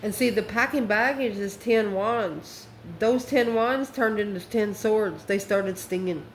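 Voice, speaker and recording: In a measured, mid-range voice, a tarot card reader talks directly to the viewer during a spontaneous, easygoing reading, her tone conversational and full of exclamations. The recording has room echo and faint noise behind it.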